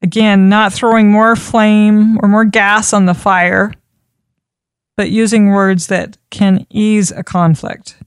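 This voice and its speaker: A woman giving an instructional talk on communication, measured and repeating key points for emphasis. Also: medium pitch, little pitch movement, clear, resonant tone, no room sound, clean studio sound. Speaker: communication trainer.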